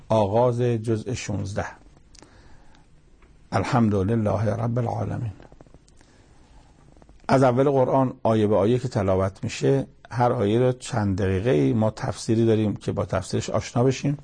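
With vocal fry in a medium-pitched, mellow, slightly rough voice, a man works through the Quran verse by verse in short commentary. His storytelling is plain, peppered with everyday expressions.

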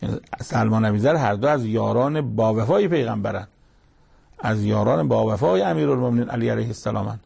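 In a fairly low, creaky, mellow voice with a breathy edge, a man provides short Quran commentary verse by verse. He recounts the scripture plainly and drops in colloquial everyday sayings.

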